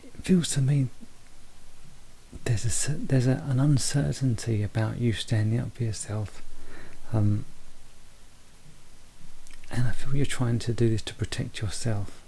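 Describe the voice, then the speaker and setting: A man giving a halting, personal psychic reading, speaking quietly close to the mic as if others are asleep in the house. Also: medium pitch, steady tone, vocal fry, slight background noise, rough recording. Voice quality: hushed, quiet late-night voice. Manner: speaking quietly so as not to wake sleepers; halting, repeats and rephrases phrases. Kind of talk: unscripted one-to-one spoken reading. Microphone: very close to the mouth.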